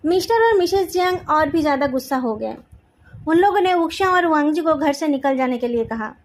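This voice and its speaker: A woman reading a fan fiction story aloud in a calm, even narrating manner. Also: high voice, brisk.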